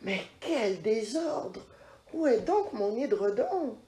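A woman voicing an anxious mother bear who speaks in a worried, hushed voice. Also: fairly high pitch, expressive, slow. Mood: fussing. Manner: whispering, worried. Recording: roomy echo.

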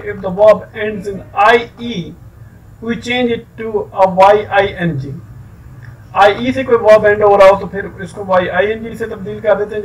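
A man teaching an English grammar lesson, explaining rules with many fillers and reading example sentences slowly. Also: high-pitched, distant mic, a little hiss or hum, low-quality recording.

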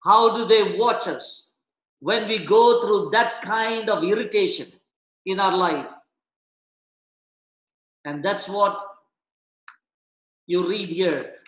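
A middle-aged pastor preaches with a high, ringing voice. He leans on stories and rhetorical questions. The webcast audio sounds echoey, as if the room carries his voice back. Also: slow, pauses often, a bit bright. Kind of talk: sermon.

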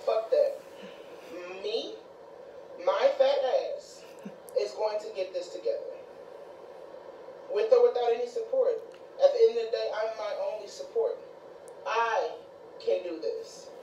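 A woman's voice: a little high, unhurried, long pauses, dark tone. Woman vlogger, fierce self-vow delivery, recorded far off in a roomy space. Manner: intense, emphatic, swearing. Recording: echoey room, far from mic, faint noise.

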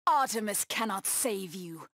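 A woman voicing a savage, proud cheetah-woman huntress in a video game, taunting her prey with deliberate menace. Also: mid-range voice, lively intonation, creaky, fairly bright tone, no room sound, clean studio sound, full character voice. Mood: fierce, confident.

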